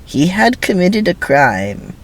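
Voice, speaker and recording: A man putting on the voice of an elderly, solemn narrator for a dramatic script reading, speaking slowly and ominously. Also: high voice, big pitch swings, a little hiss or hum, pitched above the performer's own voice, heavily acted, low-quality recording. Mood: grave.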